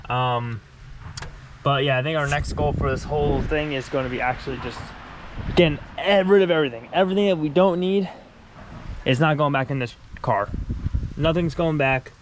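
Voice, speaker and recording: Working on his wrecked race car, a vlogger rambles through an informal narration, often fixing what he just said, his voice stuffy since he's been sick. It sits slightly high at a normal pace, with slight background noise.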